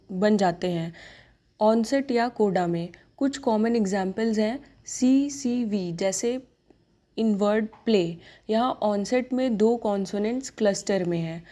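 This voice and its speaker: A woman's voice: mid-range voice, mellow. A woman teaching an exam-prep phonetics lesson, reading out questions and answers. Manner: slow deliberate English questions, quicker Hindi explanation. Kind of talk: exam-prep lecture mixing Hindi and English.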